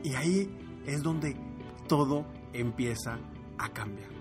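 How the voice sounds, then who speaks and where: Guy coaching on a podcast, super animated, jumps up and down in pitch, music running under him. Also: slow pace. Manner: animated, acts out his children's voices. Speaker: podcast host and business coach. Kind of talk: motivational talk.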